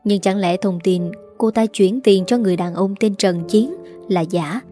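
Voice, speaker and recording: A woman's voice: medium pitch, normal speed, mellow, soft background music. A woman reading a serialized drama story aloud, voicing every character in her own voice. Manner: reads every character herself with small voice shifts.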